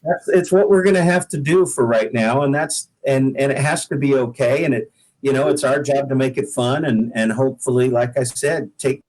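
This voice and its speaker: A middle-aged American singer-songwriter from the Pacific Northwest chats casually as a guest on a podcast interview, folksy, joking and rambling. His mid-range voice is a little mellow at a moderate pace, on a low-quality recording.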